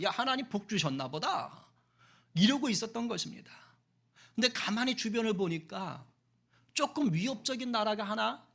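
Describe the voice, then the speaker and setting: A man's voice: high-pitched, fairly bright tone. A male pastor giving a sermon in a conversational way, often asking the congregation questions and acting out quotes.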